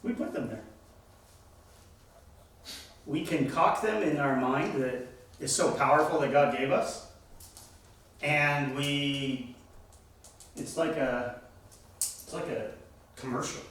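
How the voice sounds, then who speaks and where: A man's voice: mid-range voice, takes it slowly, pauses often, a bit bright, recorded from a distance. A man teaching a Bible class, speaking emphatically and asking the class questions. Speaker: church teacher. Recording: echoey room, voice from afar.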